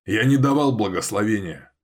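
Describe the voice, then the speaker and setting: A man voicing a gruff middle-aged boss father, barking, scornful, deep voice, audiobook. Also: animated, moderate pace. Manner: barking orders, growling.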